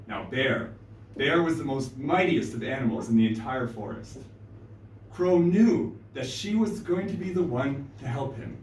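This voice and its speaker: Male storyteller at a live venue; unhurried, dramatic pauses, echoey room, far from the mic. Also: medium pitch, a little mellow, slight background noise. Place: small live venue stage. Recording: roomy live stage, distant mic.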